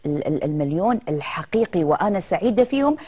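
A woman's voice: fairly low pitch, fast talker, husky. A middle-aged woman, an actress guest telling stories in a casual TV interview. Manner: lively, animated storytelling with quoted dialogue.

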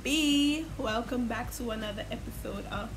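A woman's voice: a little high, normal speed. A woman vlogging in a rambling, loose and chatty way, often restarting her sentences. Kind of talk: casual chat to camera. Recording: noisy room ambience.

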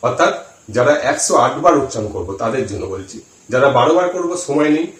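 A man giving a slow, deliberate lesson on chanting, counting aloud as he shows the finger positions. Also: mid-range voice, very animated. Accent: Bengali. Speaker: spiritual teacher. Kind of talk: instructional talk to camera. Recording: roomy echo, voice from some distance.

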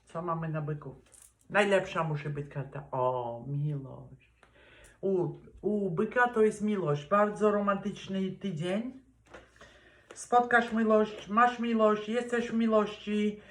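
A man's voice: sits high, steady tone, slow, a bit bright, roomy sound. A man from Poland giving a casual weekly tarot reading, chatty and direct with advice, slipping English words into his speech. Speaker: tarot reader.

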